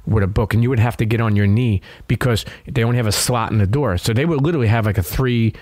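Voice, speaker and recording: A man's voice: medium pitch, fast, a little mellow, no room sound. A middle-aged man with a Brooklyn New York accent, telling stories candidly as an interview guest in a streetwise, profane way peppered with "you know.". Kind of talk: candid conversational storytelling.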